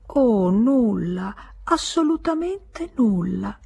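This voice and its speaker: Sly cold male merchant, mocking, drawn-out, raised husky voice, audiobook, read by a woman. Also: a little high, animated, mellow, voice pushed up, full character voice.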